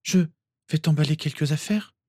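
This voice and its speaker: A man voicing a worried, tearful mother in a read-aloud story, pitching his voice well up. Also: normal speed, warm tone, husky, dry recording, clean studio sound. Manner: anxious, pleading. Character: worried gentle mother, woman.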